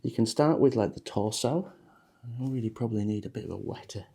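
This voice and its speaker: A man giving a relaxed, chatty watercolour painting demonstration, talking loosely with plenty of ums as he paints. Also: mid-range voice, brisk, creaky, breathy edge. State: a bit shaky from coffee. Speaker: watercolour teacher.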